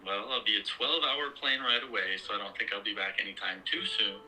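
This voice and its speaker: A man's voice: fairly low pitch, steady tone, a little fast, sharp tone, slight background noise, low-quality recording. An actor playing an earnest, exasperated son in his twenties, emphatic with a sarcastic edge, in naturalistic drama dialogue. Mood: incredulous, dry. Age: 20s.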